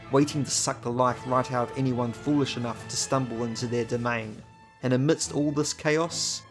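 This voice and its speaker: Man narrating a game video essay. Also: medium pitch. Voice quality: measured, enthusiastic. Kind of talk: scripted narration. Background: faint music.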